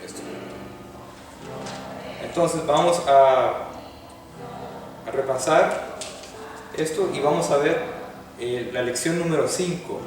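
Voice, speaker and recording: A man's voice: fairly high pitch, slow, pauses often, faint music behind. A man teaching a Hebrew class in a classroom lecture, explaining patiently step by step and checking in with his students. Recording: echoey hall from far off.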